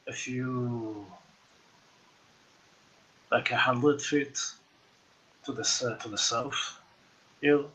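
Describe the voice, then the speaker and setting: A man playing a tabletop game, talking in halting bursts with many fillers. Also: medium pitch, steady tone, fairly bright tone, poor audio. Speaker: player.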